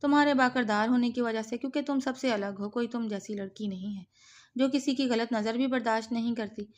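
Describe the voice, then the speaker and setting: A woman's voice: a little high, close to an everyday voice. A woman voicing a brash, rich young university man in an audiobook reading, speaking earnestly and pleadingly.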